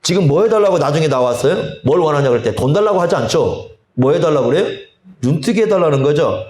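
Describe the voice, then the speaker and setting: A male pastor preaching a sermon, slow and deliberate, often asking the congregation rhetorical questions. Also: a little high, animated, a little mellow. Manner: slow, deliberate delivery with drawn-out phrases. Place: church sanctuary. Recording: echoey church hall.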